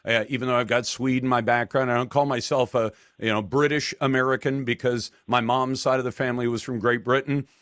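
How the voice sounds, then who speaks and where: A man's voice: mid-range voice, a bit bright, no echo. A man hosting a talk radio show, emphatic and argumentative, speaking into a studio microphone. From Taiwan.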